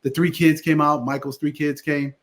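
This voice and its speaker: A man from Connecticut, a guest attorney and theater producer, telling stories in a casual interview with animated delivery. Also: a little high, moderate pace, noisy background. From Connecticut, USA. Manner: animated storyteller, lively voices in anecdotes.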